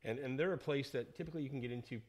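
A man's voice: mid-range voice, racing, darkish tone. A man co-hosting a podcast, chatting casually and rambling with restarts. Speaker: podcast co-host. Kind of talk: casual chat.

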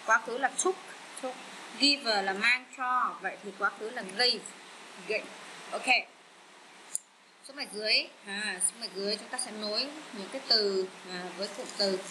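A woman with a Vietnamese accent teaching English vocabulary, repeating each word slowly with many fillers. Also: medium pitch, background noise. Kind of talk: slow bilingual vocabulary lesson.

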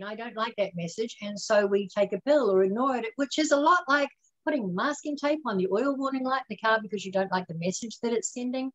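A woman who is a radio interview guest, telling her own story earnestly and reflectively and slowing down on the lessons she wants to land. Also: on the high side, dull audio. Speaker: guest speaker.

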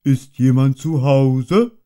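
A man voicing a simple, good-natured, honey-loving male bear in a storybook reading, with a slow, hummy, deliberate way of talking. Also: mid-range voice, warm tone, voice pushed up, lightly acted. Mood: cheerful, slow. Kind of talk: audiobook character voice.

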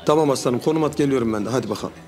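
Male actor as jovial police chief, fast banter, over a loud score. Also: medium pitch, close to an everyday voice. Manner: jovial, teasing, affectionate slang. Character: joking middle-aged male police chief. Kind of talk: TV drama acting. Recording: scene with loud music score.

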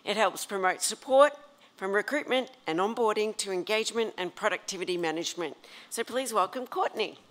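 A woman's voice: mid-range voice, animated, brisk. A woman hosting an event, giving a formal stage introduction. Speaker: event host introducing a speaker.

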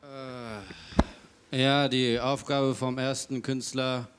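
A man doing a stand-up comedy set on stage before a live audience, with cheeky, deadpan self-mockery. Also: medium pitch, drawn-out words, clear, resonant tone.

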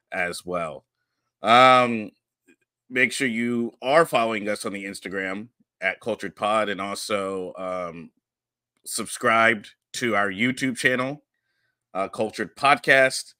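A middle-aged man from Pennsylvania, hosting a podcast in a relaxed, chatty way with many fillers, on a studio mic. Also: fairly low pitch, clean tone, no room sound. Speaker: podcast host and comedian. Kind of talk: casual podcast chat. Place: home studio room with posters. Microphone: studio mic on a boom arm with headphones.

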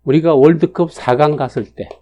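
A man's voice: a little high, fairly even intonation, moderate pace, mellow. A man in his sixties giving a casual spoken lecture, chatty, with frequent fillers and tag questions. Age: 60s. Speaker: lecturer on national fortune cycles. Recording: dull lo-fi recording.

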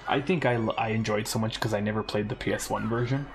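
A man's voice: on the low side, fairly even intonation, fast talker, creaky, noisy background. A man casually commenting on his gameplay as a let's play gamer, reacting aloud and reading game dialogue. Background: game music.

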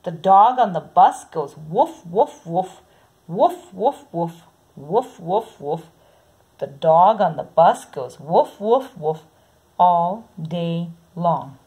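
Slow, husky woman reading a picture book. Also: fairly low pitch, lively intonation. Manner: slow, sing-song read-aloud with soft repeated sounds. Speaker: storybook reader.

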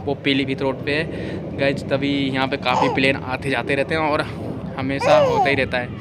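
A man's voice: medium pitch, big pitch swings, normal speed. A man chatting casually to camera from a rooftop, constantly calling out to his viewers. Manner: chatty, repeatedly addresses viewers as "guys". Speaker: vlogger. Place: rooftop outdoors. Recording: loud outdoor background noise.

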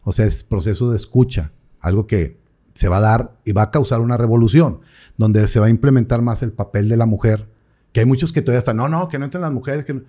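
Young priest, chatty storyteller, warm mellow voice. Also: male voice, lowish voice, fast talker. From Mexico. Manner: animated storyteller, acts out quoted voices. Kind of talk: casual interview chat.

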